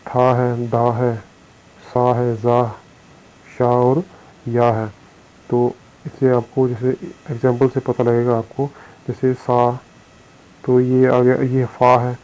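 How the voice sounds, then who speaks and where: An Indian-accented man teaching a recorded lesson, his voice held almost completely level in pitch. His tone is dark and mellow. He works through his points slowly, repeats himself and fills pauses with drawn-out "uh"s. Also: highs cut off. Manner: slow, repetitive explanation with frequent fillers. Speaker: shorthand teacher. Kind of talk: recorded lesson explaining on a board.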